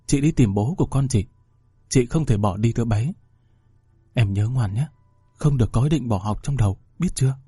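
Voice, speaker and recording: A man voicing a soft-spoken, tearful young woman in a read-aloud story. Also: mid-range voice, a little fast, husky, no room sound, soft background music, close to an everyday voice. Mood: gentle.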